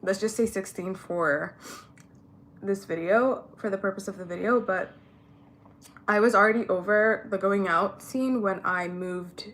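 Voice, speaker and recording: In a casual get-ready-with-me chat, a young adult vlogger from Ethiopia speaks to camera candidly and with many fillers; English is not her first language. Her voice is mid-range and a bit bright.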